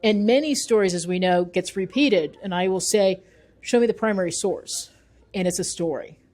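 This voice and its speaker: At normal speed, a middle-aged woman with a mid-range, slightly mellow voice answers an interviewer's questions. An author and researcher, she comes across as conversational, emphatic, opinionated, and explanatory.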